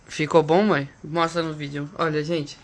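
A woman's voice: low voice, level tone, moderate pace. Brazilian woman filming a home vlog, chatty, background noise. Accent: Brazilian Portuguese. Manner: chatty, playful, cooing baby talk to dogs. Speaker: vlogger. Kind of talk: casual family vlog. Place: family house indoors.

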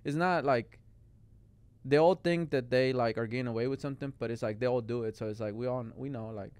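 Through a studio mic on a boom arm, a young man from Mexico chats as a guest artist on a podcast, rambling and tossing in plenty of "like" and "bro." His mid-range voice is brisk, darkish and clean.

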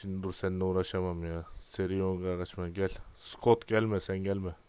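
Young male gaming YouTuber, twenties; clean resonant low voice, exasperated and grumbly, clears throat a lot. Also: level tone, normal speed, warm tone. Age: 20s. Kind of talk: casual gameplay commentary.

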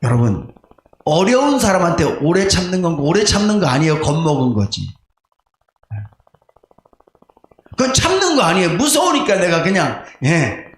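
A male pastor preaching a conversational, storytelling sermon, animated and confessional, making jokes at his own expense. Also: sits high, normal speed, pauses often. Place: church sanctuary. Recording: echoey church room with faint background noise.

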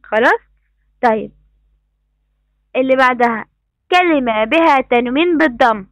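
A woman's voice: high voice, lively intonation, normal speed, a bit bright, dry recording. A woman with an Egyptian Arabic accent teaching an online class to young pupils. She encourages them, repeating praise and instructions. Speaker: primary school teacher. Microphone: computer mic on a video call.

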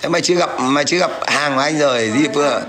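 A man's voice: on the high side, rapid-fire, a bit bright. A man ranting aggressively on a livestream, taunting and coarse as he addresses viewers and an absent rival. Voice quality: gravelly. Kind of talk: livestream rant.

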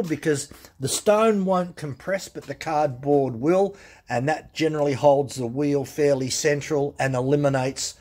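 A husky-voiced man talks from behind the camera in his workshop. He explains step by step in a plain-spoken, practical way and hammers home his key points by repeating them. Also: fairly high pitch, a little mellow. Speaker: chainsaw sharpening instructor. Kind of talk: casual how-to demonstration. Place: workshop with grinders and tool wall.

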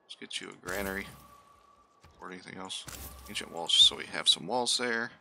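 A man's voice: sits low, normal speed, creaky, sharp tone, slight background noise. A man giving casual let's-play commentary, muttering running asides to himself and his units in a wry, self-deprecating way. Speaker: gaming channel host.

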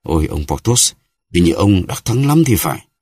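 A man's voice: low voice, big pitch swings, normal speed, a little mellow, slightly rough, no room sound, clean studio sound, heavily acted. A man voicing a jealous, reproachful lawyer's wife who pleads and sighs in a novel reading. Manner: pleading, sighing.

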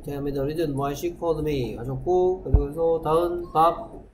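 A man's voice: fairly high pitch, darkish tone, soft background music, poor audio. A male English teacher giving a classroom grammar lesson, asking questions and answering them himself. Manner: reads English sentences slowly.

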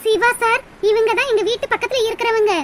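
A woman's voice: extremely high pitch, steady tone, fast. A woman voicing a young lovesick woman in a cartoon, tearful and pleading. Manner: weepy, pleading. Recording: loud hiss over the voice.

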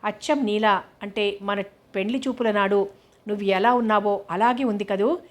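A woman voicing a thoughtful, philosophical middle-aged husband who talks in a soft, reasoning way. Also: medium pitch, fairly even intonation, normal speed, natural voice.

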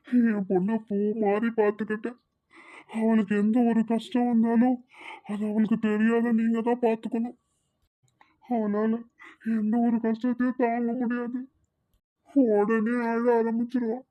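A woman's voice: fairly high pitch, flat delivery, unhurried, long pauses, dark tone, natural voice. A woman voicing a worried mother of the bride who earnestly pleads with the groom's family to care for her daughter.

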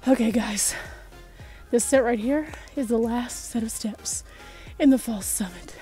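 Woman, 30s, out-of-breath outdoor selfie vlog, slightly high voice, music bed behind. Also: measured pace. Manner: breathless, tired, chatty. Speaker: vlogger. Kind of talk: hiking vlog to camera. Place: steep outdoor mountain stair trail. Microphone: phone held at arm's length.

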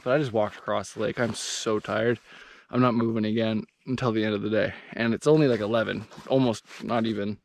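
A young man narrating a casual ice fishing vlog in an informal, excitable way. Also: on the low side, brisk. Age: young adult. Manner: informal, excitable, mild slang exclamations. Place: outdoors on a frozen lake and inside an ice fishing tent. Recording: clear background noise, clicks.

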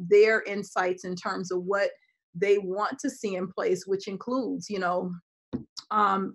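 Measured woman on a video call. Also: mid-range voice, a bit bright, low-quality recording. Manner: measured, frequent ums and uhs. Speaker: school district administrator. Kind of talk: answering questions in a virtual town hall. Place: home office with bookshelves.

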